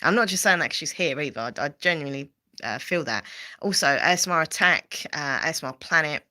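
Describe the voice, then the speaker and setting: Essex woman host, low and bright-toned, rambling casual chat, lots of fillers. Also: animated, fast talker. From Southend, England. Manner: rambling and chatty, with frequent fillers and repeats. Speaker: livestream host.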